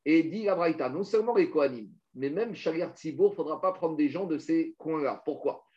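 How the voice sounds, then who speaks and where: A man leads a Talmud study lesson, his voice sitting somewhat high for a man. He explains with lively energy and drops quoted Hebrew and Aramaic phrases into his talk. The sound is muffled and lo-fi. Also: a little fast. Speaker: Talmud teacher. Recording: muffled lo-fi recording.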